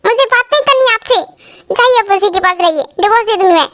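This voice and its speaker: A woman voicing a jealous, hurt young wife in a fan-dub drama, pleading and quick to anger. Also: very high-pitched, noisy background. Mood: angry.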